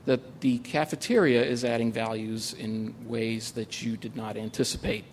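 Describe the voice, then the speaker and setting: A man voicing his calm British woman boss, quoting her in a quiet, matter-of-fact way. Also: mid-range voice, moderate pace, a little hiss or hum, close to an everyday voice. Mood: measured.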